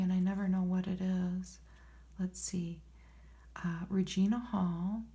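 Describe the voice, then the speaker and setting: A woman speaking in a soft, hushed, often whispered ASMR voice, reading from a magazine with unhurried, murmured, rambling asides to herself. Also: lowish voice, vocal fry. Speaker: ASMR host. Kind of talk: soft-spoken ASMR magazine read-through with casual commentary.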